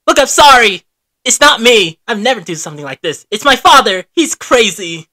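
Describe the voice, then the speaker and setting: A woman puts on an anxious young male cartoon dinosaur who pleads and apologizes. His voice jumps around in pitch and stays bright and unhurried. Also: sing-song, no echo, exaggerated voice. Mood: pleading. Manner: nervous, pleading.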